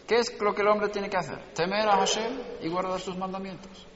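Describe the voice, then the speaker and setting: A man's voice: high voice, steady tone, a little fast, fairly bright tone, a little hiss or hum. A man teaching a religious class, explaining and putting rhetorical questions to his students. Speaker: Torah teacher. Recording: dull lo-fi recording in an echoey hall.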